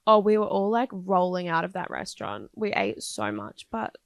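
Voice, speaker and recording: A woman's voice: on the low side, big pitch swings, moderate pace, vocal fry, no room sound, clean studio sound. A woman, co-hosting a vlogcast in bubbly, casual chat and laughing often. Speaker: vlogcast co-host.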